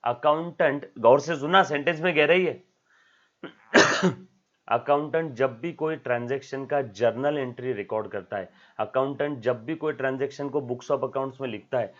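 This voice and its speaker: A man's voice: medium pitch, normal speed, a bit bright. A man teaching an accounting lesson, asking his students questions, repeating key words and acting out little dialogues. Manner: acts out dialogues in a raised voice, asks students questions; code-mixes English terms, repeats key words. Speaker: commerce teacher. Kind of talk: classroom lecture. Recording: dull lo-fi sound.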